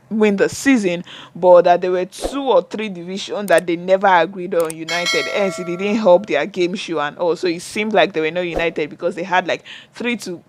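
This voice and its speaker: A man recapping a reality show reunion in a casual vlog. He chats along, retelling who said what and trailing off with "and all", and breaks in with exasperated asides to his viewers. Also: high-pitched. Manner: chatty, retells what was said, many "and all" fillers.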